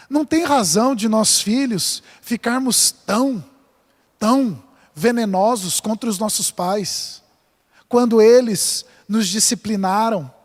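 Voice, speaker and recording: A man from São Paulo state preaching a sermon as a pastor, earnest and emphatic, mixing scripture with a light-hearted personal story. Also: sits high. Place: church sanctuary. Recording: long reverb of a large church hall.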